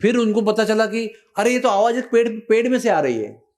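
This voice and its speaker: A man telling a devotional story in a sermon, animated and switching between Hindi and English. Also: high voice, normal speed. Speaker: spiritual teacher.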